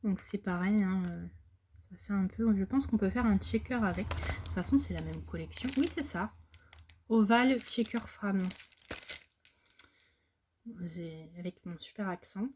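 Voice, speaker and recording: A woman's voice: mid-range voice, moderate pace, dark tone, slight background noise. A woman from France chatting casually in a crafting haul, hesitant and full of fillers and restarts. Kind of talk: casual chat.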